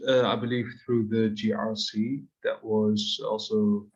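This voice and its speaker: Casting: young man in his twenties, monotone and hesitant, dull call audio. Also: fairly low pitch, a little slow. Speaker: permaculture project partner. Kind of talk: video call conversation. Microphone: video call.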